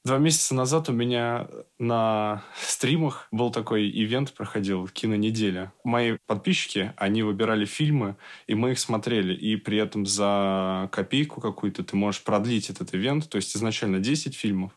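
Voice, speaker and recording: A man's voice: lowish voice, moderate pace, few pauses. A man in his twenties, a streamer, answering interview questions in a loose, conversational, rambling way. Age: 20s. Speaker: guest streamer.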